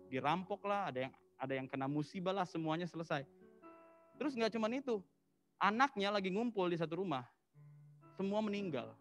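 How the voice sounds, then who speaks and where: A male pastor giving a casual, lively sermon, telling the story in slang and mixing in English phrases. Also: a little high. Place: church service.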